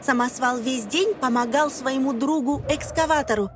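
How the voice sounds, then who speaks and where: This high-voiced female narrator reads a scripted, simple explanation for a kids' educational cartoon at normal speed. A little background noise can be heard.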